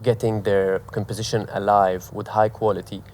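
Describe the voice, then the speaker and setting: A man from Syria who composes film music and teaches, talking in an interview in a lively way and now and then singing tunes. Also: fairly low pitch, a little fast, a little hiss or hum. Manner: lively, animated, sings melodies out loud. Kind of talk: interview conversation.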